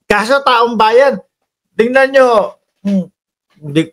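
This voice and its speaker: High-voiced chatty Filipino commentator. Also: male voice, slow. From Philippines. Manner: chatty, animated, mixes Tagalog and English, frequent laughs. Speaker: political commentary vlogger. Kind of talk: casual commentary over played clips.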